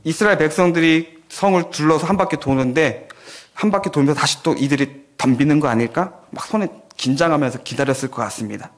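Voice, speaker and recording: A man's voice: a little high, brisk. A man preaching a sermon at a church prayer meeting. He tells a vivid story and acts out the voices of the people in it. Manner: animated storytelling, acting out quoted voices. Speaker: pastor.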